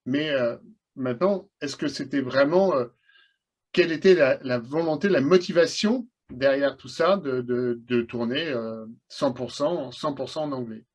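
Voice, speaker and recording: A man's voice: mid-range voice, measured pace. A man hosting an interview show, asking questions with a lot of hesitation and fillers, then signing off. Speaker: host.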